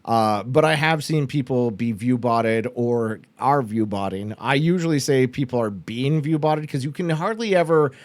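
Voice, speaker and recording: A man's voice: mid-range voice, normal speed, hardly any pauses, no room sound. A man from Canada hosting a podcast, chatting casually with fillers and restarts. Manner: mocks others with put-on excited voices. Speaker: podcast host. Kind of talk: casual chat.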